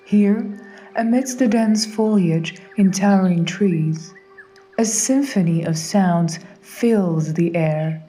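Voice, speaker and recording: A woman reading scripted nature documentary narration in a measured, reverent manner. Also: medium pitch, dark tone.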